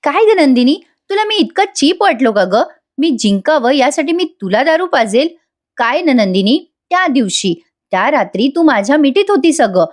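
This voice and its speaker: A woman's voice: high voice, sing-song, moderate pace. A woman voicing a tender young husband who coaxes and pleads with his wife. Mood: coaxing. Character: affectionate young husband, gentle and persistent.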